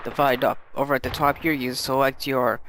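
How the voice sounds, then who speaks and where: A man's voice: medium pitch, level tone, a little fast, background noise. A man giving casual gameplay commentary in an explanatory, matter-of-fact way. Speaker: game commentator.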